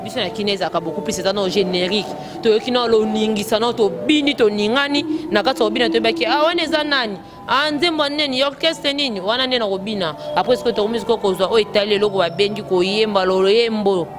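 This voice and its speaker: A woman's voice: mid-range voice, brisk, few pauses. Congolese woman chatting over music. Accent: Congolese French. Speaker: fan discussing rumba music. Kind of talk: casual chat mixing French and Lingala. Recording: loud music playing behind.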